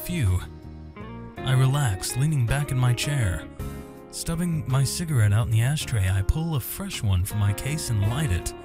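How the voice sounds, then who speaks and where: In a gaming video, a man with a mid-range voice and lively intonation reads visual novel text aloud at normal speed, adding asides and stumbling over some words and names. Game music with guitar plays under his voice.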